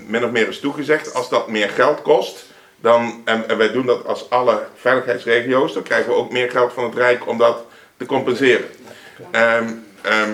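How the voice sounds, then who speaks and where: A man answering questions in a council meeting, explaining in a measured, slightly halting way. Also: medium pitch, a bit bright. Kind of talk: formal meeting reply.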